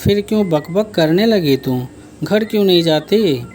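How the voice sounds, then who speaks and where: Narrator doing tired old-school farmer in a storybook, stern, slow and dark-toned. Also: male voice, high voice, expressive, soft background music. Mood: weary stern. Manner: weary, stern.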